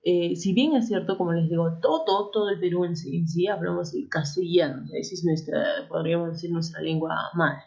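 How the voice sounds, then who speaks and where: A woman's voice: on the low side, a little fast, creaky, few pauses, a little mellow, lo-fi sound. A woman from Arequipa with a Peruvian accent, explaining a lesson to students, checking in often with tag questions and correcting herself as she goes. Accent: Peruvian Spanish, Arequipa. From Peru. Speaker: teacher. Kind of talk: classroom lesson.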